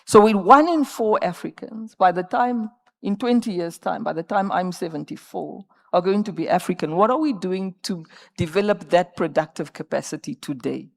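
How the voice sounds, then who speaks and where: Woman panelist in her fifties with a gravelly edge and an emphatic, rallying conference delivery. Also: lowish voice, moderate pace. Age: 50s. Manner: emphatic, rallying, repeats words when searching. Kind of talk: panel discussion remarks. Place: conference stage.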